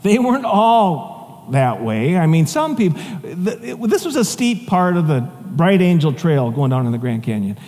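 A man preaching a sermon, telling a personal story in a conversational, animated way with asides and chuckles. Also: a little high, normal speed. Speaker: pastor. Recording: long reverb of a large hall.

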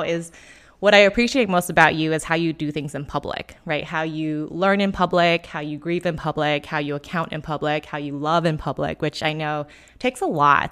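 A woman's voice: sits low, a bit bright, smooth. A woman co-hosting a podcast, introducing a guest in an effusive, chatty manner. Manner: effusive, chatty, addresses listeners as "you all". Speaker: podcast co-host.

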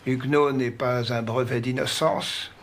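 A man's voice: medium pitch, fairly even intonation, unhurried, a little hiss or hum, close to an everyday voice. A man playing a caustic, scornful old philosopher in a period film, with hammy, theatrical stage delivery. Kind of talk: period film drama acting.

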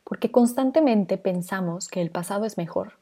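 Warm-voiced woman telling a story. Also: medium pitch, normal speed. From Mexico. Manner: animated, acts out the people in her stories. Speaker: podcast host. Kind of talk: personal storytelling monologue.

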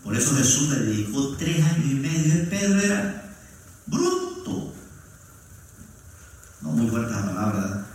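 A man's voice: mid-range voice, huge pitch swings, a little slow, pauses often, darkish tone, distant mic, a little hiss or hum. A male pastor preaching a sermon in a church, joking with the congregation as he goes. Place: church hall. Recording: echoey hall, mic from afar.

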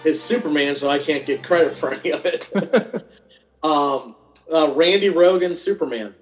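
A man's voice: a little high, expressive, moderate pace, soft background music. A man from western Pennsylvania, a wedding videographer, telling stories with dry, self-deprecating humor in a casual interview. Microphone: video call.

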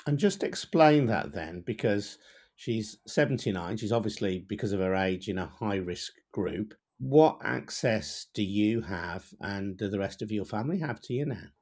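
A man hosting a podcast interview, asking gentle, measured questions. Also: fairly low pitch, animated. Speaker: podcast host.

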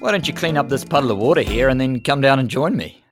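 A gruff, drawling dad, put on by a woman in a children's audio story. The voice is pushed extremely low and rolls up and down as he talks, with soft music underneath. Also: animated, fast talker. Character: gruff, easygoing middle-aged dad.

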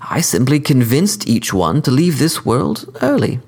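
A man voicing a sophisticated male killer who speaks with cordial, precise, lecturing calm. The figure's voice sits well above the man's own voice. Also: medium pitch, a little slow, gravelly, full character voice. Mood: cordially smug. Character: suave cordial male hitman, smug, sophisticated.

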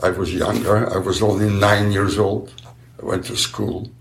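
A man in his nineties from Galicia, answering interview questions haltingly and repeating words as he searches for them. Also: on the low side, level tone, vocal fry, echoey room, slight background noise. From Galicia, then Poland, now Ukraine. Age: 90s. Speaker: interviewee, survivor. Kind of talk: slow unhurried answers in an interview.

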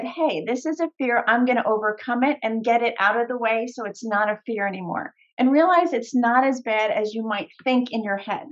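A woman guest on a podcast, talking earnestly and warmly with occasional "um" fillers. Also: fairly high pitch, muffled recording. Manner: earnest and heartfelt, with hesitant fillers. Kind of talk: conversational interview answers.

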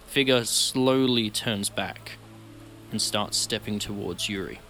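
A man narrates a tabletop fantasy adventure as game master, with steady, descriptive storytelling. His voice is low-pitched and bright, with faint music behind it. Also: takes it slowly.

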